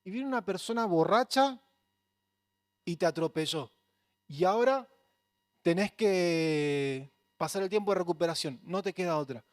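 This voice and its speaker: A man's voice: high-pitched, moderate pace, long pauses, no echo, clean studio sound. A man preaching a sermon in a Rioplatense accent, earnest and conversational. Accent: Rioplatense Spanish. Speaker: pastor.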